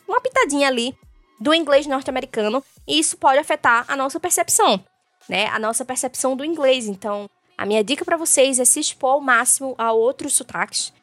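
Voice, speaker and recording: A woman's voice: high voice, no echo. A Brazilian woman who teaches English, giving a chatty podcast lesson and dropping English terms into her explanations. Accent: Brazilian Portuguese.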